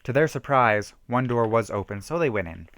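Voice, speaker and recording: A man with a mid-range, fairly bright voice reads his own horror story aloud at a normal speed. His delivery is animated, emphatic and theatrical, though he stumbles now and then.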